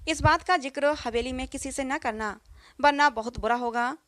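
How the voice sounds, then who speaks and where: A woman's voice: high voice, normal speed, fairly bright tone, dry recording. A woman voicing a frightened female house servant who pleads fearfully.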